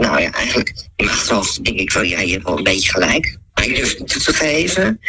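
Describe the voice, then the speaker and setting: A man whose voice is distorted by pitch shifting to hide who he is, giving casual interview answers with many halting restarts and repeated words. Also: vocal fry, pushed and bright. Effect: voice distorted by pitch shifting to hide identity. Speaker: interviewee with conspiracy beliefs.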